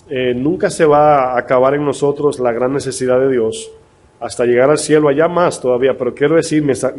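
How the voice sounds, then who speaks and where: Pastor hombre, predicación pausada y conversacional. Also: male voice, mid-range voice, a little mellow. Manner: conversational preaching with rhetorical questions to the congregation; reads scripture slowly and deliberately. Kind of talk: sermon.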